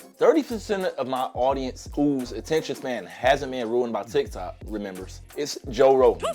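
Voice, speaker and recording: A man's voice: mid-range voice, a little mellow. A sarcastic man hosting his own commentary video, ranting at viewers while losing his voice to a cold. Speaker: commentary YouTuber. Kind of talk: opinionated video essay.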